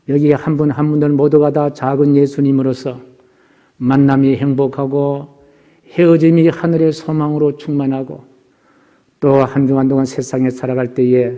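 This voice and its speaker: A man's voice: mid-range voice, mellow. A middle-aged man preaching as pastor, delivering an earnest, repetitive sermon. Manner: earnest preaching, opens with recited verse. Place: church sanctuary. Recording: long hall reverb.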